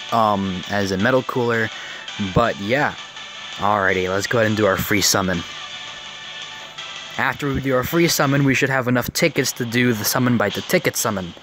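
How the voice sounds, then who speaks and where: A nineteen-year-old gaming video maker gives casual live commentary on mobile game summons, excitable and prone to stuttering. His voice is mid-range, and he talks right up against a phone mic, with game music playing behind him.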